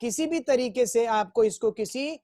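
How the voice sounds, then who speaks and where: A male school teacher giving an online chemistry class, coaxing students and chanting memory rhymes slowly and repeatedly. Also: very high voice, warm tone, dry recording, clean studio sound.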